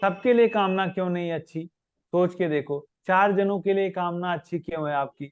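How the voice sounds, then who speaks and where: A man with a high voice leads a spiritual question-and-answer class. He explains patiently and reaches for everyday examples. The recording is dry and dull, with no room sound. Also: moderate pace, clear, resonant tone, dry recording. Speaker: spiritual teacher.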